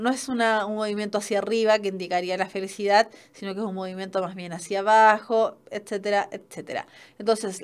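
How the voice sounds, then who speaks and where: A woman's voice: mid-range voice, clear, resonant tone. A young adult woman teacher with a Chilean accent, lecturing in an online class and often checking in with "¿cierto?". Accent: Chilean Spanish. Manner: explanatory, frequent "¿cierto?" checks.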